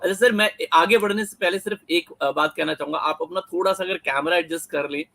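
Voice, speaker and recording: A man hosts a video call interview and asks his questions politely and respectfully. His voice sits a little on the high side. He keeps a deferential tone with his guest. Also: quick pace, vocal fry, sharp tone, dry recording, low-quality recording. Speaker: host.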